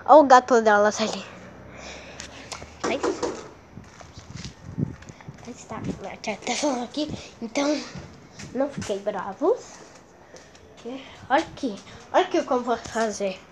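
High-pitched, dramatic Brazilian woman vlogger. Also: expressive, unhurried, long pauses, background noise. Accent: Brazilian Portuguese. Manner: dramatic, exclaiming, repeats words. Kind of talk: casual home vlog. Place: at home, moving between rooms and garage.

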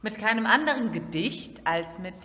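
A woman's voice: medium pitch, animated, normal speed, sharp tone. A woman reading spring poems as a guest reader, lilting and emphatic. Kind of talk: slow, expressive poetry recitation. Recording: echoey room with long reverb.

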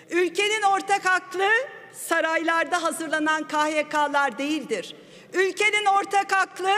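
A woman's voice: high voice, a bit bright. A woman member of parliament giving an impassioned, accusatory speech at a rostrum microphone in a large chamber, repeating her phrases for force. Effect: speaking at a rostrum microphone. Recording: long reverb of a large hall.

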